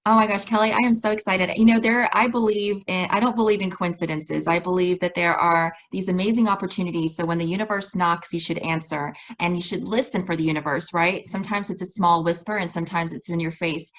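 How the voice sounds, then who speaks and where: A woman's voice: lowish voice, steady tone, fairly quick, hardly any pauses, fairly bright tone, slight background noise, poor audio. A woman hosting a podcast interview, talking with effusive enthusiasm in a casual chat. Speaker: podcast host.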